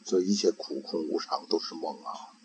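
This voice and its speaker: An older man and grandfather giving an informal Buddhist talk, slow and halting, often repeating words while he searches for them. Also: sits low, slight background noise, low-quality recording.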